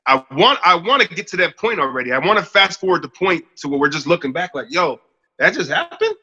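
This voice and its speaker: A man cohosting a casual podcast, with a very bright, sharp voice pitched fairly high. He talks in a laid-back way and swears freely. The sound is dull and lo-fi. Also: sing-song, brisk, husky. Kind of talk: casual chat.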